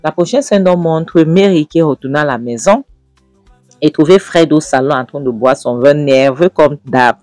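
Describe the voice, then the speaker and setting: A man retelling a drama series scene by scene and then commenting on it, speaking straight to his viewers in a lively storytelling way. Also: a little high, moderate pace, no echo, soft background music. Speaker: series reviewer.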